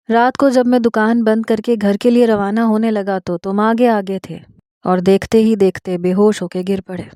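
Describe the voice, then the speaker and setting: A woman voicing a patient, fatherly old man who serves as a mosque imam, speaking slowly and soothingly. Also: mid-range voice, dry recording, studio quality, close to an everyday voice. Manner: slow, soothing, gently persuasive.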